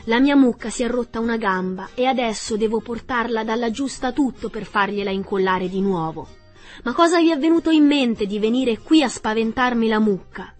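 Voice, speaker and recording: A woman voicing an angry young porcelain milkmaid who scolds loudly. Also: on the high side, normal speed, faint music behind, voice pushed up, lightly acted. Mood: furious. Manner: scolding, shouting.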